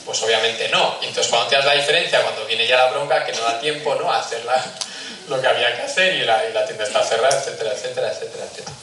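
A man's voice: mid-range voice, fast, sharp tone, slight background noise. A man giving a talk to parents in a conversational way, often asking the audience questions and acting out little everyday scenes. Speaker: speaker giving a talk on family and faith. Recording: echoey hall, speaker far from mic.

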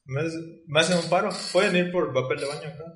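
A young man with a Mexican Spanish accent, co-hosting a podcast and chiming in with blunt, quick remarks in casual chat. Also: on the high side, a bit bright, reverberant, a little hiss or hum. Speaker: podcast co-host.

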